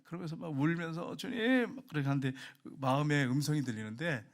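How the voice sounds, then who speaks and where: A man's voice: a little high, fast. A male pastor preaching a sermon in an emphatic, exhorting way, pressing his points to the congregation.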